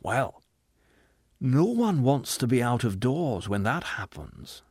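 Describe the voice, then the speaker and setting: A shrewd, furtive man from a storybook, acted by a male reader. He mutters confidingly and anxiously, his pitch moving freely. The sound is close and dry. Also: big pitch swings, slow pace, a little mellow, breathy edge, no room sound, heavily acted. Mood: furtive, uneasy.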